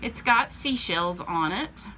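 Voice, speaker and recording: A woman with a mid-range, animated voice takes it slowly as she shows off flea market finds in a casual, homey vlog, often saying um, her tone bright and forceful. The poor audio, with slight background noise, comes from a camera mic in a small indoor room with shelves.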